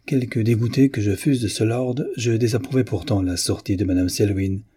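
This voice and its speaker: A man reading a classic novel aloud in a steady, measured narration. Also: fairly low pitch, slightly rough. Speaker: audiobook reader.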